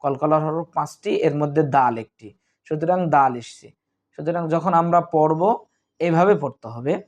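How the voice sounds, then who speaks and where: A man teaching Quran reading, spelling out letters and repeating each syllable slowly in a calm, instructive way. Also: on the high side, muffled recording. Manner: calm instructive tone, addresses students as dear friends. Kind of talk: slow recitation lesson.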